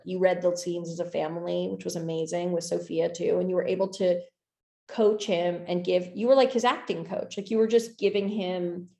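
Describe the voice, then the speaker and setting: A woman's voice: fairly low pitch, mellow, roomy sound. A young adult woman talking casually and enthusiastically about making her film, rambling with lots of fillers. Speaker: filmmaker discussing her film. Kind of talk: casual conversation.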